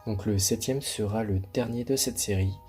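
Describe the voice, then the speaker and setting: A man hosting his own video, chatting casually and showing off his collection, relaxed and full of hesitations and fillers. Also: fairly low pitch, moderate pace, faint music behind. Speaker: manga collection video host.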